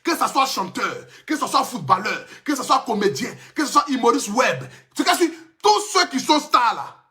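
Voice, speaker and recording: A man's voice: very high voice, sing-song, moderate pace, sharp tone. A man with an Ivorian French accent giving an emphatic, impassioned live stream rant into his phone. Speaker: social media personality.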